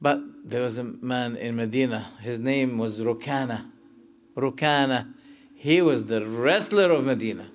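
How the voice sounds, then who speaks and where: A man giving a religious lesson and explaining scripture verses, emphatic and animated, his voice rising on key points as he tells stories. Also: medium pitch, unhurried. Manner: tells stories, sometimes emotional. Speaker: sheikh teaching Islamic creed.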